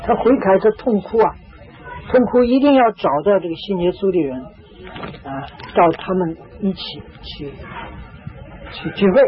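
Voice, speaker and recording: A man delivers a storytelling sermon in a high voice, leaning on repetition and a steady stream of drawn-out "ah"s. The sound is thin and phone-like, with a faint hiss underneath. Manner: repetitive, emphatic, frequent drawn-out "ah" fillers. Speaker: preacher. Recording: tinny phone-like lo-fi recording.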